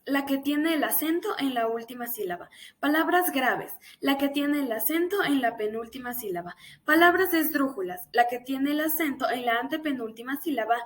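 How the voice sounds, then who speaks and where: Young woman student, high voice, steady read-through of grammar rules. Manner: steady explanatory reading of rules. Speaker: university student presenter. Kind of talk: read-aloud class presentation.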